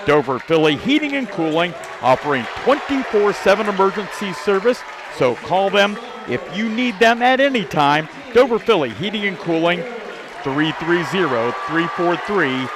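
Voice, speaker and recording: A man whose voice sits high and swings widely in pitch hosts a live local sports radio pregame show, including sponsor reads, at a moderate pace. His announcer-like delivery comes from an indoor high school gym, with a busy crowd and bouncing basketballs adding background noise.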